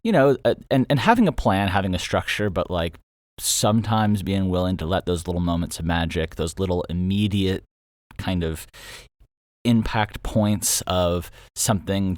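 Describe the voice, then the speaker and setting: An audio drama creator with a deep voice hosts a casual, unscripted solo update about his creative work, speaking at a normal speed. He thinks aloud in a loose, rambling way, recorded dry with clean studio sound.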